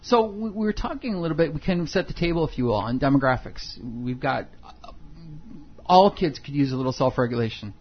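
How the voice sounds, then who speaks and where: A man's voice: on the high side, lively intonation, brisk, breathy edge, muffled recording. A man co-hosting a radio talk show, asking rambling, jokey questions in a casual way. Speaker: radio co-host.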